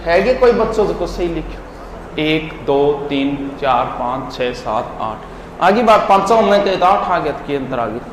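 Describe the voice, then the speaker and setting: A man's voice: fairly high pitch, big pitch swings, a little slow. A man, teaching in a classroom lecture and drilling words syllable by syllable while quizzing his listeners. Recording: echoey hall with faint noise.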